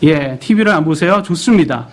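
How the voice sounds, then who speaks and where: A man's voice: fairly high pitch, fairly quick. A man in his thirties preaching a sermon in church, asking the congregation questions as he goes. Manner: animated, asks the congregation questions.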